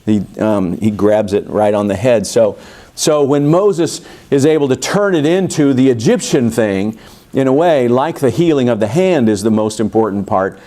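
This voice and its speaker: A man's voice: medium pitch, lively intonation, normal speed, dark tone. Man teaching scripture in a casual way. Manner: informal, restarts often, asks the listeners questions. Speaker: pastor teaching a Bible study. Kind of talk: conversational Bible teaching.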